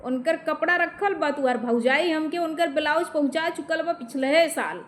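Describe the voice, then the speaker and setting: High-voiced woman, heated and confrontational. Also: moderate pace, slight background noise. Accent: Bhojpuri. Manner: heated, confrontational, addressing an absent man; emphatic with repeated tag questions. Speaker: vlogger. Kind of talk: direct-to-camera vent.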